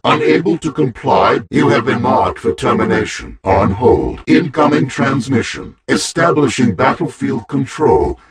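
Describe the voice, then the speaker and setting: A man voicing a cold, commanding male AI of a war faction in a video game, giving clipped status announcements with loud crowd noise behind. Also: mid-range voice, measured pace, few pauses, natural voice. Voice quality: flat, mechanical, menacing.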